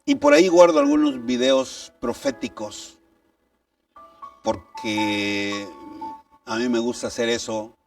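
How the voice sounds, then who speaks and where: A man's voice: medium pitch, big pitch swings, takes it slowly, gravelly, pauses often, darkish tone. A man preaching a sermon. He reads scripture aloud and asks emphatic rhetorical questions. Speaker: pastor. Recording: distant mic, faint background music.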